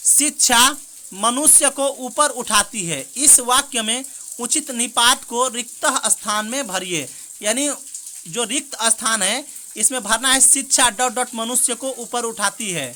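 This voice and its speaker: A woman teaching exam prep, reading out multiple-choice questions and answers quickly and often saying "theek hai doston", with rain behind her. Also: a little high, bright, forceful tone. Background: rain heard in the background.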